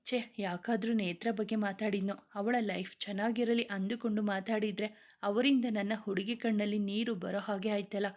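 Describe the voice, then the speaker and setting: A woman reading the lines of a gentle, caring young husband in a storybook tale. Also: medium pitch, fairly even intonation, moderate pace, close to an everyday voice. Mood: tender.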